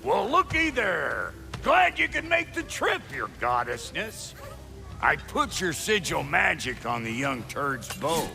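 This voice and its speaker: An actor voicing a gruff, wisecracking smith in a video game, with a gravelly voice and a folksy, sarcastic, brash manner. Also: male voice, a little high, bright, forceful tone, heavily acted. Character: gruff, foul-mouthed, wisecracking male smith. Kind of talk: video game character acting.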